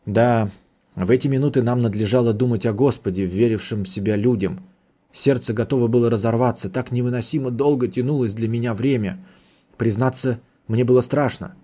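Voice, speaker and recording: A man reading a novel aloud in the first person, with a measured, steady storytelling delivery. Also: mid-range voice. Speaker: audiobook narrator.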